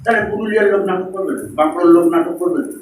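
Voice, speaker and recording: A man's voice: sits high, racing, slight background noise. A man with a Bengali accent giving a seminar talk, engaging the audience with hands-on exercises. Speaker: seminar speaker. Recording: roomy echo from far off.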